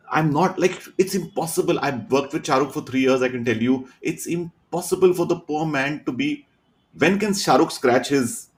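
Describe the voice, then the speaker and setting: A middle-aged man from India with an Indian accent, a podcast guest telling animated anecdotes full of quoted dialogue. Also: mid-range voice. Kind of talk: casual storytelling chat.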